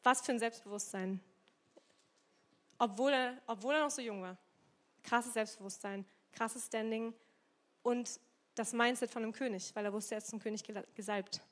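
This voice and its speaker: A woman preaching a casual, lively sermon, retelling a story and mixing in English words. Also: on the high side, moderate pace, pauses often. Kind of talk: youth sermon with Bible reading.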